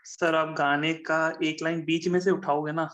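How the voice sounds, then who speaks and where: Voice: mid-range voice, level tone, moderate pace, fairly bright tone. A student in a class discussion, pushing back against the teacher's points. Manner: argumentative, pushes back on the teacher.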